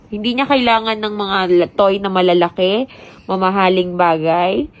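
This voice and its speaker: A woman's voice: medium pitch, moderate pace, rough recording. A woman with a Filipino accent vlogging casually, chatty and talking straight to her viewers, sounding stuffy from the flu. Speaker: vlogger and mother. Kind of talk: casual vlog chat.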